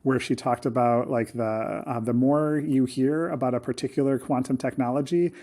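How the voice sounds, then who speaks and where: A man co-hosting a science podcast, talking in a relaxed and chatty way. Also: medium pitch, moderate pace. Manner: relaxed and chatty, casual phrasing. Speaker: podcast co-host.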